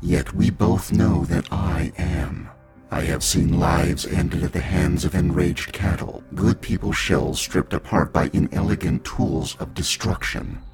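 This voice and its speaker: Man doing a cold starship pilot, very deep voice, gravelly, slow hushed menace, loud music behind. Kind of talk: audiobook character reading.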